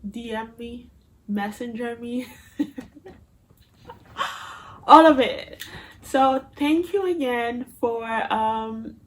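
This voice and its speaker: A woman in her twenties with a Haitian Creole accent chats casually and playfully with her viewers in a vlog recorded on a phone camera. Her voice is a little high, and the audio is poor.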